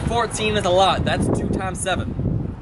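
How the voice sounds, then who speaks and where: A man's voice: high voice, unhurried. A man playing a boastful chicken-shop founder. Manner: boastful, rambling salesman patter. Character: boastful small-town male chicken-restaurant founder. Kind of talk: comedic skit acting. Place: outdoors near a street. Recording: loud wind and traffic noise outdoors.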